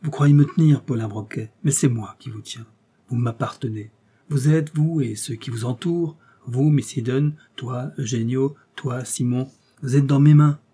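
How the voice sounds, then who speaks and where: Man doing violent male clown, sarcastic, defiant, raised husky voice, mellow. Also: on the low side, fairly even intonation, moderate pace. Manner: sarcastic, raging, then pleading.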